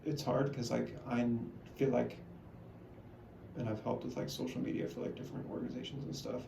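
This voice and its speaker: A young man co-hosting a podcast, talking in a relaxed way and using "like" constantly. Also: mid-range voice, fairly quick, creaky. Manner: relaxed, filler-heavy with lots of "like". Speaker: podcast co-host. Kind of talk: casual chat. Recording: roomy, distant mic, steady hiss.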